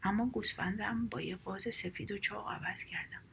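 A woman voicing a gentle, trusting old husband in a whispered role-play, calm and cheerful. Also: high-pitched, gravelly, slight background noise.

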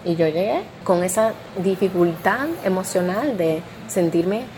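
A woman's voice: on the low side, a little slow, background noise. Reflective woman recalling her life. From Dominican Republic. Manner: reflective, with frequent fillers and restarts. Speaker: interviewee. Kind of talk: personal testimony.

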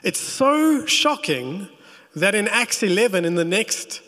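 A male pastor delivers a sermon in a fairly high, clear voice. He tells the story with energy and joking asides to the congregation. A long hall reverb trails each phrase. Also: big pitch swings, takes it slowly, bright, forceful tone.

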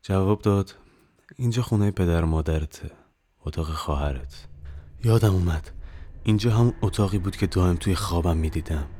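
A man's voice: low-pitched, dark tone, a little hiss or hum. A young man narrating his own horror audio novel in the first person, with dramatic, tense storytelling. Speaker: narrator and author.

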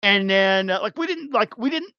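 High-voiced man chatting with many fillers. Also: lively intonation, normal speed, bright, forceful tone, dry recording, lo-fi sound. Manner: rambling, many fillers and restarts, laughs easily. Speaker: podcast guest, game developer. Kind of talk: casual chat.

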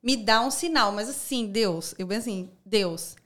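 As a guest on a podcast, a young Brazilian-accented woman shares a personal story in relaxed, slangy language, performing the lines she quotes. She speaks at a measured pace in a medium-pitched, slightly bright voice.

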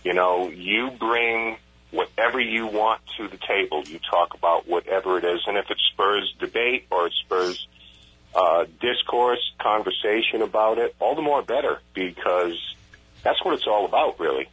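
Low, husky male radio talker. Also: moderate pace, a bit bright, poor audio. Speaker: radio co-host and event organizer. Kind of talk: casual talk-show discussion.

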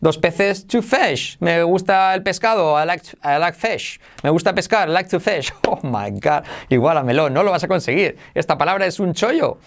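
Animated man teaching English. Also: fairly high pitch, moderate pace, gravelly, few pauses. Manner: animated, switching between Spanish and English, sings snatches of songs. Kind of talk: lively English lesson.

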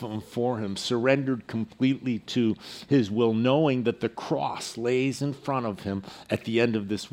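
A male pastor preaching a sermon at a pulpit microphone, earnest and measured, often restarting phrases and reading scripture aloud. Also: medium pitch.

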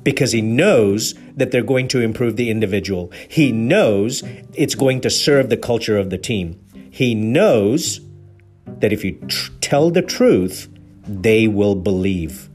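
A man's voice: fairly low pitch, animated, unhurried, a little mellow, soft background music. A man from Kenya hosting a podcast, giving an earnest, preachy motivational talk on leadership that is full of rhetorical questions. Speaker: podcast host.

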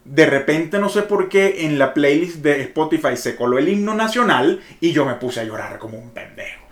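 A Venezuelan man co-hosting a podcast, talking in a reflective, emotional way that often trails off softly. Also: a little high, expressive, moderate pace, echoey room. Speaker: podcast co-host. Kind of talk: casual conversation.

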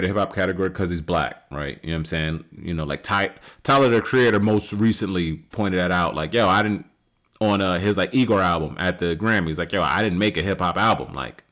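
A man in his late thirties hosting a solo podcast, talking casually and rambling with many fillers and restarts, rising loud and high when he makes a point. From United States. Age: 30s. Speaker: podcast host.

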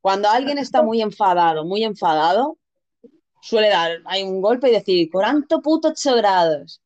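A woman's voice: medium pitch, expressive, normal speed, darkish tone, dull audio. A woman, casually explaining local expressions and laughing often. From Mallorca. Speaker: teacher of Mallorcan expressions. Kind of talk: casual chat.

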